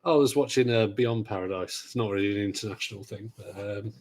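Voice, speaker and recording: Husky British man, casual podcaster. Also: on the low side, brisk, a little mellow. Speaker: gaming podcast co-host. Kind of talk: casual chat.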